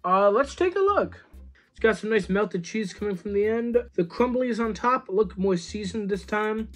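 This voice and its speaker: A man's voice: high voice, lively intonation, normal speed. A young man reviewing microwave food at home in an easygoing, chatty way, talking to a camera across the table. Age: young adult. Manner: chatty, easygoing, lots of "you know". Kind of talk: casual food review vlog. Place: small room at home, seated at a table.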